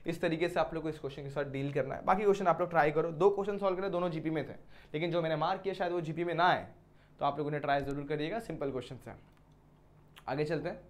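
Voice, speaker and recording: A man's voice: a little high, rapid-fire. A male maths teacher explaining problems step by step in a classroom lecture, often putting questions to his students.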